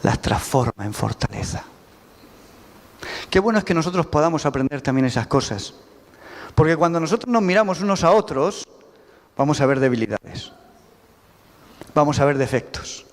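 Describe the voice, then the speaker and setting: A man's voice: on the high side, animated, moderate pace, long pauses. A man with a Spanish accent preaching a sermon, emphatic and putting rhetorical questions to the congregation. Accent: Spanish from Spain. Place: church sanctuary. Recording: reverberant church hall with faint music.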